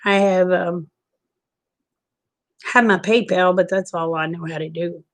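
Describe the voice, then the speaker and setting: A woman's voice: fairly low pitch, steady tone. Sleep-deprived American woman rambling casually. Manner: sleep-deprived, unfocused, slow to follow; folksy, homey endearments. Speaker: livestreamer chatting with viewers.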